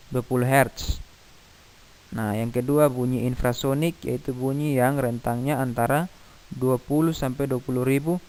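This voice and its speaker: A middle-aged man, patiently explaining a physics lesson to children, pausing and singing note names to demonstrate. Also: medium pitch. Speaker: teacher.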